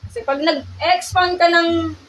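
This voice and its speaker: Filipino woman math teacher, high and loud, emphatic, on a phone mic set back a bit, faint room noise. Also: fairly even intonation, unhurried, far from the mic, poor audio. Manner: loud and emphatic, repeats checks like "gets?" and "ha?". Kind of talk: live-streamed math lesson.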